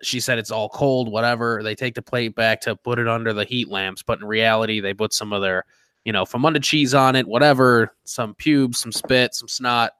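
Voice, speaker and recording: A man's voice: mid-range voice, little pitch movement, moderate pace, a bit bright, clear, resonant tone, dry recording. An easygoing man chats on a casual podcast with dry humor and casual swearing. His voice is recorded close and dry, with no room sound. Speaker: podcast co-host.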